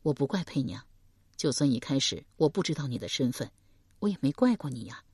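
A woman voicing a gentle, wounded young man in an audiobook, speaking softly and tenderly. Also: very deep voice, very animated, normal speed, slightly rough, dry recording, studio quality, pitched below the performer's own voice, full character voice. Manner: soft, tender.

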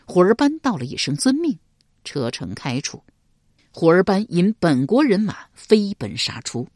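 Woman, storyteller, historical novel reading, dramatic, low pitch, wide expressive swings. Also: normal speed, dry recording, studio quality.

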